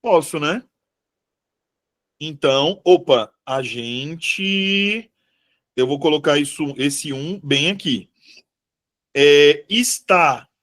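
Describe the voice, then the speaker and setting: A man's voice: a little high, very slow, long pauses, fairly bright tone. A man with a Brazilian Portuguese accent teaching a live exam-prep review class, chatty, checking in with students and correcting himself aloud.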